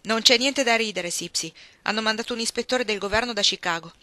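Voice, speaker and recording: A woman reading aloud and voicing a gruff, harried man who complains loudly about a thief. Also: medium pitch, quick pace, no room sound, natural voice. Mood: exasperated. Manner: loud, exasperated complaining.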